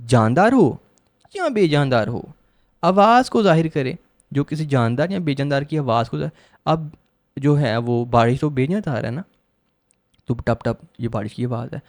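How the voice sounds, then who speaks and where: A man teaching a grammar lecture for a law admission test, asking questions and answering them himself and repeating each definition slowly. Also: medium pitch, lively intonation, no echo, clean studio sound.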